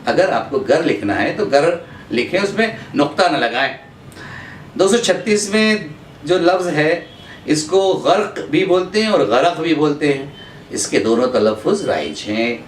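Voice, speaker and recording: A man from India teaching an Urdu pronunciation lesson, going through words in a measured way, repeating each one and pausing on drawn-out "uh" fillers. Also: on the high side, sing-song, distant mic. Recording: echoey room, voice off-mic, faint background hum.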